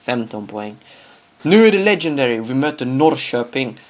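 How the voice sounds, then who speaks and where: An excitable man giving loose, chatty commentary over his own gameplay. His voice sits at an ordinary middle pitch, but it shoots up into squeals and shouts whenever something big happens, and he often laughs at his own jokes. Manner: excitable, bursts into high-pitched yelps and shouts at big moments. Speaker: gaming video creator.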